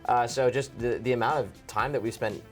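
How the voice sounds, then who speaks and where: A man's voice: medium pitch, fairly even intonation, a little fast, soft background music. A man, a cartoon voice actor, chatting enthusiastically in a casual interview, often restarting his sentences.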